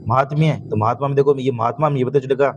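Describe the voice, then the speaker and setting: A man's voice: medium pitch, steady tone, very fast, dull audio. Patient male Hindi grammar teacher. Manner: explains patiently, often checks with "है ना?". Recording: noisy recording.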